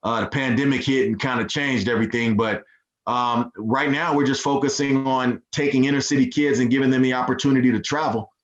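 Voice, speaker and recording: A man's voice: medium pitch, brisk. Laid-back man, dull lo-fi sound. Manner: relaxed, laid-back, many fillers, says "man". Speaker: guest, nonprofit founder. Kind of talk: casual interview chat.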